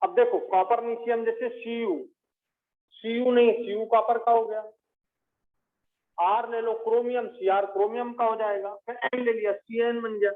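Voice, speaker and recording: A man teaching chemistry, repeating each element name slowly so students memorize it. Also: extremely high pitch, fairly even intonation. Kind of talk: classroom lecture. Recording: tinny phone-like audio.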